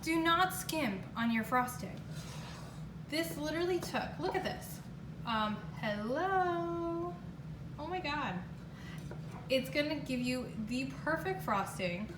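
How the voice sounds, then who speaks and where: A woman hosting a home baking show chats her way through a cooking demo in her kitchen, exclaiming and stressing her words. Her high voice has lively intonation and a slightly slow pace, and the distant, roomy recording has noticeable background noise.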